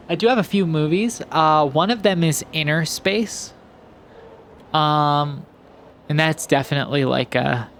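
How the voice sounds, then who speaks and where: Slow, rambling young man chatting. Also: fairly high pitch, a bit bright, slight background noise. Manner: rambling, many fillers and restarts. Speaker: gaming commentator. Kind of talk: casual chill commentary over gameplay. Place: home, recorded in post.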